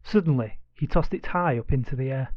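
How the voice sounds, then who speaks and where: A man narrating a children's audiobook with expressive, playful storytelling. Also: medium pitch, a little fast, no room sound, muffled recording.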